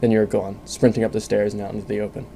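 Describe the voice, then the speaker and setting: Gravelly dark-voiced male narrator. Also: fairly low pitch, level tone, fast, slight background noise. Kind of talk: second-person scripted story narration.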